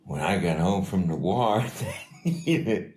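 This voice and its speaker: An older man telling life stories in a casual, rambling, halting way, as an interviewee. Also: deep voice, animated, a little mellow. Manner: rambling, halting, chuckling delivery. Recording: echoey room with faint noise.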